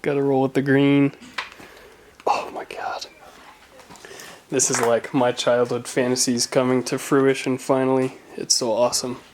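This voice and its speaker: A man's voice: mid-range voice, moderate pace, few pauses, slight background noise. Casual young man vlogging car work. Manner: excited, casual, self-mocking. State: out of breath. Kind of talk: casual garage vlog.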